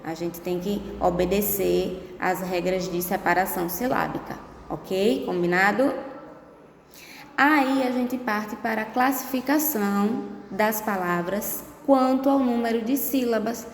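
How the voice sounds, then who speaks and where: A woman teacher explaining a lesson to young children, slow and patient, checking understanding with little tag questions all the time. Her voice rings in a bare room with a long reverb tail, and a faint hum of ambience sits under it. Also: mid-range voice. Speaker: primary school teacher. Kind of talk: remote lesson to young pupils.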